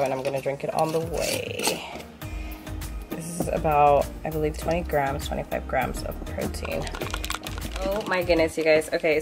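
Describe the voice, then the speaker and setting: Young adult woman, lowish voice, casual vlog chat, bubbly, says "like" a lot, music playing behind. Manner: bubbly, says "like" and "you guys" constantly. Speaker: lifestyle vlogger. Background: background music.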